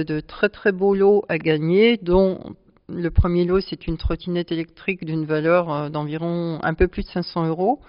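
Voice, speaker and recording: A woman who presides over a charity club, answering interview questions at length and pausing often to find her words. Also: lowish voice, dry recording. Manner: explanatory, speaks at length with frequent hesitations. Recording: dull lo-fi sound.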